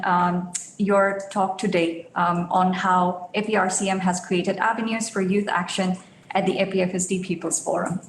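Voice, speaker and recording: A woman's voice: mid-range voice, echoey room, a little hiss or hum, low-quality recording. A woman moderating a virtual forum, introducing speakers formally with frequent ums. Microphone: video call.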